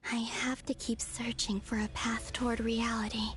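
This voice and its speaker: A woman voicing a pensive, determined mystical character who thinks aloud in a video game, soft and deliberate. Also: fairly high pitch, a little hiss or hum, lightly acted. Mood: pensive, resolved.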